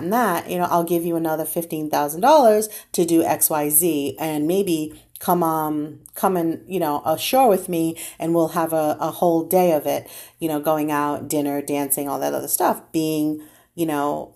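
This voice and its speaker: A woman with a fairly low voice delivers a long, rambling monologue full of opinion and gossip. She often slips into sarcastic put-on quotes and doubles back on her own phrases. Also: darkish tone. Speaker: gossip vlogger.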